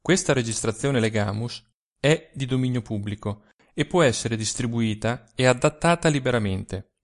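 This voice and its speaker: A man narrating a literary short story for a volunteer audiobook in an expressive reading style. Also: mid-range voice, moderate pace.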